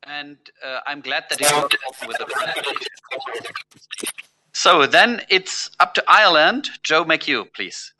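A man with a German accent, a native German speaker, chairing a virtual meeting informally and haltingly. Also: a little high. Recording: clearly noisy meeting microphone.

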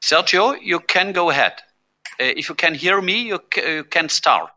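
A man with a German accent, a native German speaker, chairing a virtual meeting informally and haltingly. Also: on the high side, animated, bright, forceful tone. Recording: clearly noisy meeting microphone.

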